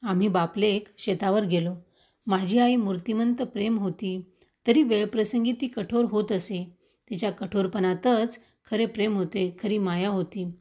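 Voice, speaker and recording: Lady narrating an old classic book, steady calm reading pace. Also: mid-range voice, measured pace. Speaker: audiobook reader. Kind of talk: scripted narration of a classic novel.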